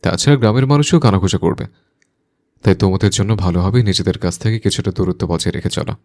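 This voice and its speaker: Cast a man as a possessive young hothead, deep and fast-talking, all commands through gritted teeth. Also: a little mellow. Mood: stern. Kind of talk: audio drama acting.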